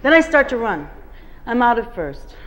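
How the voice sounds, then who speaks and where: A woman with a somewhat high, slightly bright voice reads at normal speed, her pitch swinging a lot. As a guest reader at a bookstore, she gives an expressive reading of a first-person novel to listeners, though the recording is rough.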